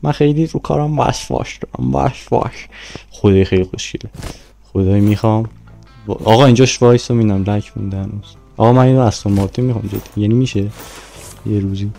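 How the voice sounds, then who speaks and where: A man's voice: lowish voice, gravelly, dark tone, faint music behind, low-quality recording. Playful man narrating his gameplay. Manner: playful, talks to himself while playing. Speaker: gaming YouTuber. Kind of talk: casual game commentary.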